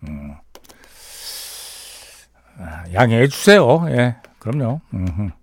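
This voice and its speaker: A man hosting a radio show in a studio, reading a short story and then listener messages, with relaxed banter. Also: mid-range voice, slow pace, dry recording. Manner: relaxed banter, reads messages aloud and comments.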